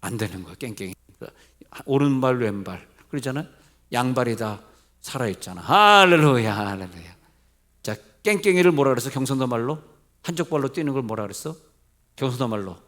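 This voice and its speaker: A man's voice: medium pitch, lively intonation, a little fast. A middle-aged male pastor with a Seoul accent, preaching a midweek church sermon in a conversational way, asking his congregation questions and joking lightly. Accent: Seoul Korean. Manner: mixes polite and plain speech, jokes lightly. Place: church sanctuary.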